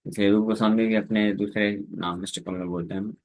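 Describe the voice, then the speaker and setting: A man's voice: on the low side, steady tone, darkish tone. A man preaching a scripture lecture, explaining Sanskrit verses in Hindi with English words mixed in and sometimes singing the verses. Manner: sings verses slowly between spoken explanation.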